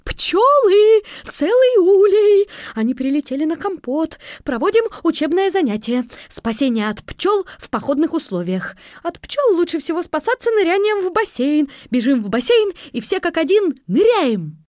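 A woman voicing an excitable, fussy female kindergarten teacher who exclaims in a high, mock-official tone. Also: moderate pace, dry recording, studio quality. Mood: alarmed.

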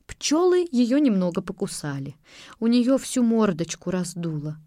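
Expressive woman reading a storybook. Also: medium pitch, a little slow, no room sound, clean studio sound. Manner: expressive, lively narration.

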